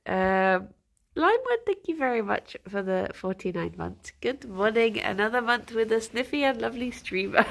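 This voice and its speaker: A woman with a gravelly, medium-pitched voice and a stuffy nose streams from home in the morning, chatting casually. She calls out viewers by name, giggles, and coos softly to her pets in baby talk.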